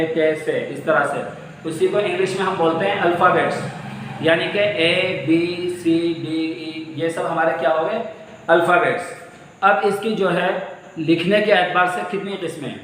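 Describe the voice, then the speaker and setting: A man's voice: a little high, fairly bright tone, slight background noise. Echoey, distant man teaching a lesson. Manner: patient, repetitive explaining with rhetorical questions. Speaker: English teacher. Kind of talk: classroom lesson explaining grammar. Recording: echoey room from far off.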